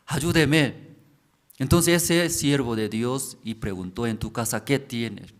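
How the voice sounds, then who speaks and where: Slow-speaking pastor preaching in a prayer service. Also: male voice, medium pitch, animated. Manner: repetitive, asks the congregation questions. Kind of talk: slow sermon explaining scripture.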